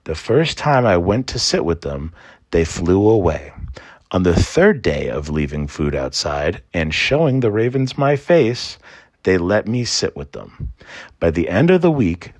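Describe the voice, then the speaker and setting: A man narrating a scripted trickster folktale and explaining it in an expressive storytelling manner. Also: low-pitched. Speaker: storyteller and presenter.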